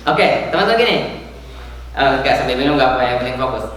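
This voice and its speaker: A man's voice: medium pitch, expressive, fast, a bit bright. Male preacher, casual sermon, chatty and joking, heavy echo, far from the mic. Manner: chatty, jokes and quizzes the congregation. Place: mosque. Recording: very echoey room, far from the mic.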